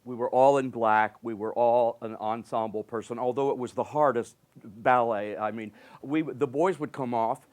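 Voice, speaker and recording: An older man, a retired dancer on a panel, telling animated stories in a casual way and laughing easily. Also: medium pitch, moderate pace. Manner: chatty, animated storyteller who laughs easily.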